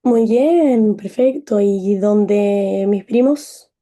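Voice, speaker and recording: A woman's voice: medium pitch, extremely slow, dark tone. A woman with a Chilean accent teaching a French lesson, encouraging and full of examples. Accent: Chilean Spanish. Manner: encouraging, explains with lots of examples.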